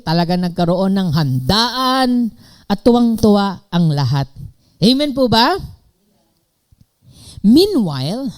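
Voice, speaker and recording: A woman's voice: on the low side, darkish tone. A woman with a Filipino accent preaching a sermon, moving between English and Tagalog, reading scripture aloud and asking the congregation for an amen.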